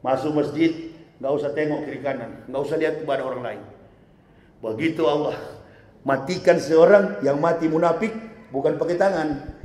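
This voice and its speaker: A man in his fifties preaching a lively, joking sermon in a mosque, swinging between shouts and quiet asides. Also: on the high side, normal speed. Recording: echoey hall.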